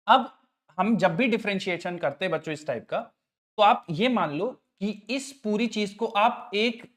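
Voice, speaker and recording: A middle-aged man teaching maths to a class, patient, often checking whether the students follow on the terms. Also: high voice. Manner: patient, addresses students as children, asks frequent check questions.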